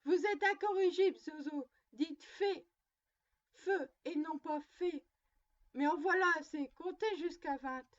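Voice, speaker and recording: A woman's voice: very high voice, a little slow, dull audio. Woman playing prim little girl scolding. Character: little girl sternly playing mother to her doll. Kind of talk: storybook reading.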